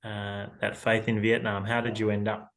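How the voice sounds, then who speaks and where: A man hosting an interview, asking gentle, probing questions with some restarts. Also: lowish voice, flat delivery, normal speed. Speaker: interview host. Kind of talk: conversational interview.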